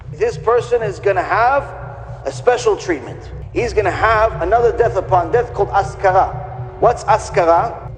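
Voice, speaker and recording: A man giving an emphatic religious lecture as a rabbi, acting out quoted people in short scenes. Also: high-pitched. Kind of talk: religious lecture on punishment after death. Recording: long reverb with faint music behind.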